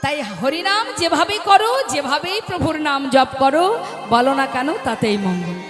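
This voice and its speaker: Woman kirtan preacher, high voice, sermon over a stage mic with soft music in a roomy hall. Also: animated, unhurried. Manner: addresses listeners as mother, asks them questions. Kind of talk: devotional sermon to a live audience.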